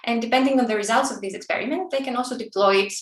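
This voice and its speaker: A woman's voice: fairly high pitch, rapid-fire. Woman from Greece, thirties, technical conference talk, friendly, many fillers, distant mic, roomy echo. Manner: friendly, with frequent fillers and restarts. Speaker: conference speaker.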